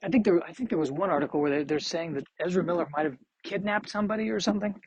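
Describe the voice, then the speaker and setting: A man's voice: sits high, very fast, darkish tone, breathy edge, rough recording. Rambling, self-deprecating forty-year-old man. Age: 40s. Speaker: podcast host. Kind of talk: casual solo podcast monologue.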